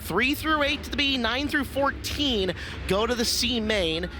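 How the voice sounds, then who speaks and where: A man's voice: very high-pitched, animated, noisy background. A man giving broadcast race commentary, rattling off the starting lineup. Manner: brisk lineup rundown.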